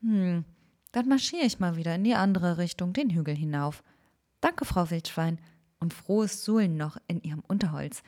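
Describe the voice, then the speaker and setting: A woman's voice: lowish voice, moderate pace, a little mellow, natural voice. A woman voicing a lost young woman in a storybook, wondering and plaintive. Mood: wondering, weary. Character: lost, weary young woman wandering a forest.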